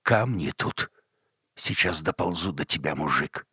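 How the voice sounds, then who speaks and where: A man voicing a grumpy old man with a creaky voice, gruff and mocking, in an audiobook story. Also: a bass voice, lively intonation, unhurried, pushed and bright, no echo, clean studio sound, heavily acted. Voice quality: creaky, grating.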